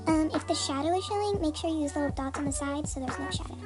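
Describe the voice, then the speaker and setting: A voice run through a voice changer that pushes it very high, so the speaker's real voice is hidden. They walk through a tutorial in a loose, chatty way, full of fillers. Music plays clearly in the background. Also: racing. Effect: voice changer disguising the voice, pitched very high. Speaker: tutorial channel host. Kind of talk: casual step-by-step tutorial.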